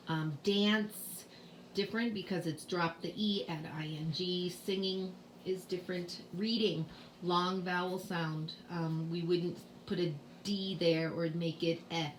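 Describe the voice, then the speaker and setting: Slow, patient woman teaching spelling. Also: fairly low pitch, slight background noise. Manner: slow, patient, with many fillers. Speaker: teacher explaining spelling rules to parents. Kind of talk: casual home lesson. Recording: roomy echo, faint ambience.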